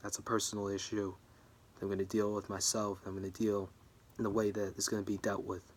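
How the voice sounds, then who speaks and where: A man's voice: fairly low pitch, flat delivery, fairly quick. A tired man rambling through his wrestling predictions in a casual home vlog, often sidetracking himself. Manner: rambling, self-interrupting, easily sidetracked. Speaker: wrestling vlogger. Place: room at home.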